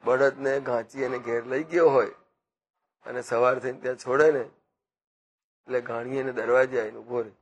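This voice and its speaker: A man giving a devotional discourse, teaching through slow, repetitive parables and acted-out quotes. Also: medium pitch, fairly even intonation, breathy edge. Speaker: spiritual speaker.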